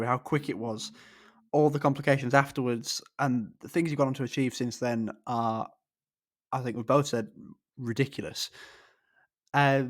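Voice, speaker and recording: This is a man with a mid-pitched voice hosting a podcast. He asks his guest questions and talks through his sign-off in a friendly, loose, rambling way. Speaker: podcast host. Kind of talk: podcast interview and outro.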